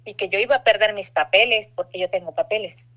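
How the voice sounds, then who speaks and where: A woman's voice: mid-range voice, fast, fairly bright tone, lo-fi sound. A middle-aged woman from Mexico, earnestly telling a personal testimony and acting out the dialogue. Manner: earnest, confessional, acts out dialogue. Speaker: testimony speaker.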